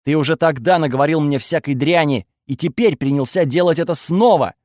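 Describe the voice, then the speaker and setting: A furious young woman with uncanny powers snaps and shouts her accusations in a raised, tight voice, as a male audiobook reader puts her on. The reading sounds dry and close, with no room around it. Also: on the high side, a little fast, no room sound, lightly acted. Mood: furious, accusing. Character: angry, defensive young woman with strange powers.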